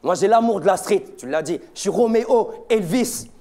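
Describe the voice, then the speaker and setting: A man's voice: high voice, expressive, normal speed, mellow. A young man from Belgium spitting aggressive, taunting rap battle verses without a beat. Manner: aggressive, taunting, punchy delivery. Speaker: battle rapper.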